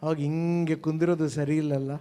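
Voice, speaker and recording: An older male pastor, preaching a sermon in a church. He asks the congregation questions and swings between emphatic and hushed delivery. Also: fairly high pitch, level tone, moderate pace, clear, resonant tone.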